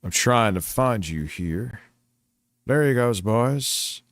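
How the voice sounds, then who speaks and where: A man's voice: mid-range voice, lively intonation, slow, fairly bright tone, no room sound, studio quality. A man hosting a livestream in a casual, sweary reacting style. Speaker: livestream host reacting to videos. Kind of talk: casual profane chat.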